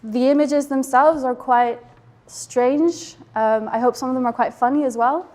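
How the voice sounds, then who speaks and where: A woman's voice: high voice, unhurried, darkish tone. A woman from the Geneva border area with an indeterminate mix of English and French in her accent, giving a hesitant, reflective talk to an audience about her photography project. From Geneva border area, Switzerland/France. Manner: hesitant, many ums, reflective.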